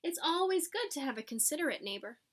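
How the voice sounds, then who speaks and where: This woman talks fast, her voice sitting high, as she reads a picture book to children like a teacher. She acts out the lines, adds asides, and keeps things animated and explanatory.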